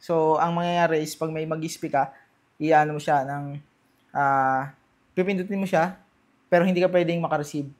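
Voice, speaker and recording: A man with a Filipino accent doing a casual hands-on unboxing, halting a little as he thinks aloud. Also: a little high, steady tone. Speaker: gadget vlogger.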